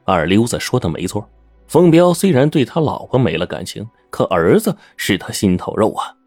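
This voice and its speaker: 男说书人，嗓音低沉，讲故事抑扬顿挫，话语随意亲切。配着隐约的背景音乐。. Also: male voice, fairly low pitch, normal speed, no room sound, soft background music. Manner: lively, colloquial, chatty asides. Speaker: storyteller. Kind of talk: oral storytelling.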